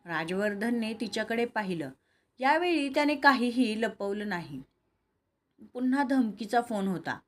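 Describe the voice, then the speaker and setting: A woman's voice: fairly high pitch, expressive, measured pace. A woman reading a romantic serial story aloud, voicing every character in her own voice. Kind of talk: scripted story narration with dialogue.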